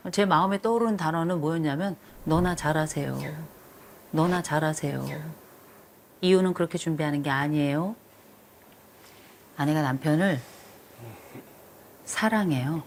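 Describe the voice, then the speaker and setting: A woman's voice: low-pitched, darkish tone, slight background noise. A middle-aged woman counseling a couple on TV, lecturing firmly and scolding. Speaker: marriage counselor. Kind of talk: TV counseling session. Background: background music.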